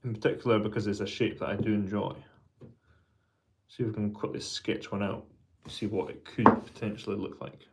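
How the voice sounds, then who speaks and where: A man with a fairly low voice talks casually to his viewers as a hobbyist pipe maker. He speaks haltingly, thinking aloud and doubling back on words as he goes. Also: flat delivery, gravelly, a little mellow, slight background noise. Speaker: pipe maker hosting a vlog. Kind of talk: casual, rambling hobby vlog chat.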